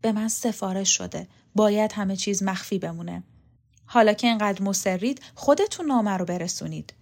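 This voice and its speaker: A woman voicing a secretive, earnest male poet in an audiobook, speaking in a hushed, pleading way. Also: mid-range voice, gravelly. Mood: curt.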